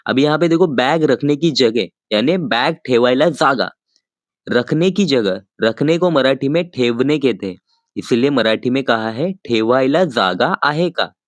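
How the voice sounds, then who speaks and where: A man teaching phrases in a lesson, patiently repeating each sentence slowly and talking straight to his viewers. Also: mid-range voice, animated, no room sound. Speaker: language teacher. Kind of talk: explaining vocabulary in a lesson.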